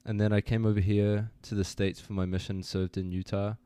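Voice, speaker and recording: A young man from New Zealand talks easily about his travels and work as a podcast guest. His voice sits low and smooth, with a mellow, dry sound close to the mic. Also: fairly quick, no room sound. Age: young adult. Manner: relaxed, easygoing storyteller with fillers. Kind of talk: casual interview.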